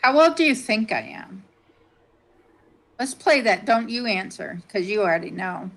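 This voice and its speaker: A woman's voice: medium pitch, lively intonation, unhurried, fairly bright tone, low-quality recording. A woman, chatting casually as a guest and laughing often. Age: 50s. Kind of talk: casual chat.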